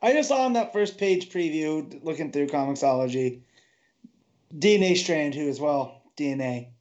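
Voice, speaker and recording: A man's voice: fairly high pitch, lively intonation, moderate pace, a little mellow. Playful man on a dull lo-fi line. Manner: teasing, playful interjections. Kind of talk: casual chat.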